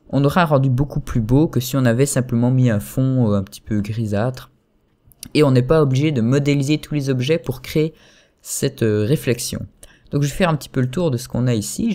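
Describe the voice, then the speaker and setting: Sitting at his computer, a young man with a medium-pitched voice records his screen for a casual software tutorial. He's chatty but hesitant, constantly using fillers and correcting himself.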